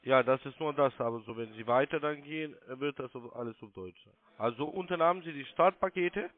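A man working as a call centre sales agent gives step-by-step instructions over the phone, insisting and repeating himself. His medium-pitched voice moves fairly quickly, and the muffled, narrow-band line carries no echo.

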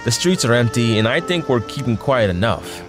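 With music behind his voice, a young man plays an earnest, troubled secret superhero in an audio drama. His natural, mid-range voice is expressive and moderately paced, and his delivery is hesitant and pleading, with an earnest, weary mood.

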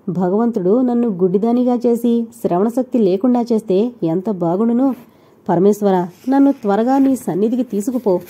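A woman narrating a novel in a steady, measured storytelling voice. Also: on the high side, slightly rough. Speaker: audiobook narrator. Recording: dull lo-fi recording.

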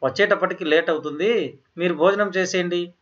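A man's voice: high-pitched, fairly quick, a bit bright. A man voicing a young newly married son who explains his plans matter-of-factly in an audio story. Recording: slightly dull, lo-fi audio.

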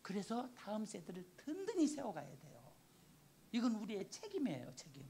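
A woman in her sixties, a missionary preacher giving a sermon testimony in a church, telling her story in an animated, emotional way. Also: medium pitch, fairly quick, gravelly, a little hiss or hum. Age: 60s. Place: church sanctuary.

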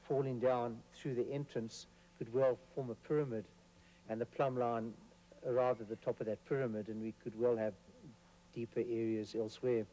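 A man's voice: on the low side, warm tone, rough recording. A middle-aged man, an expedition leader, speaking in an outdoor interview at a cave entrance, hesitant with fillers. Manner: hesitant, with fillers, gestures while talking. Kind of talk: casual on-camera interview.

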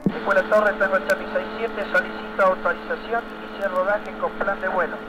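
A man's voice: sits high, level tone, fairly quick, over music. A man, a military pilot, making clipped radio procedure calls over his cockpit headset. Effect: pilot speaking over a cockpit headset radio. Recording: dull lo-fi radio transmission, off-mic.

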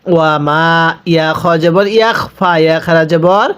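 A man's voice: a little high, normal speed, a bit bright, clear, resonant tone. A man teaching Quran reading with a Bangladeshi Bengali accent, patiently spelling out letters and vowels, then drawing out each word for the listener to repeat. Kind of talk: slow spelled-out recitation lesson.

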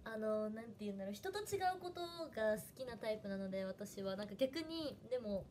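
A woman's voice: mid-range voice, lively intonation, a little fast, a little mellow, a little hiss or hum. A young woman with a Hiroshima dialect, chatting casually on a livestream and thanking viewers by name. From Fukuoka, Japan. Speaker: idol trainee livestreamer.

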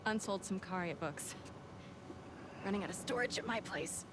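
Determined young woman journalist voiced by an actress, mid pitch, natural game dialogue, noisy ambience. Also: animated, normal speed, close to an everyday voice. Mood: frustrated, determined. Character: determined, frustrated young woman newspaper reporter.

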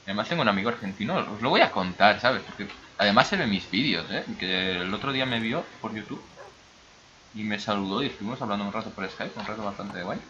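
A Basque gaming YouTuber, whose accent blends Basque and Brazilian Spanish, chats and rambles about his gameplay, often talking to himself. He talks fast in a low, pushed, bright voice, and the audio is dull with a bit of hiss or hum.

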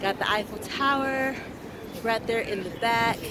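A woman's voice: a little high, measured pace, very noisy. Chatty woman vlogging on a trip. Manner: chatty and relaxed, with fillers. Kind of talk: casual travel vlog narration. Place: hotel room, streets and shops, indoors and outdoors.

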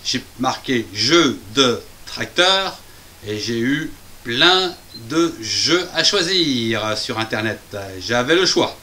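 A man's voice: mid-range voice, expressive, slow, bright, forceful tone, a little hiss or hum. A man presenting a children's reading lesson, spelling words out syllable by syllable with playful, chatty asides.

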